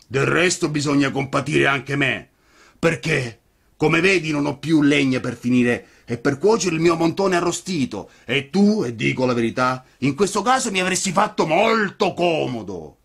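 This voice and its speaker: A man voicing a huge, gruff, bearded puppet master who is soft-hearted underneath, talking in a loud, blustering manner. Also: mid-range voice, pitched above the performer's own voice, heavily acted.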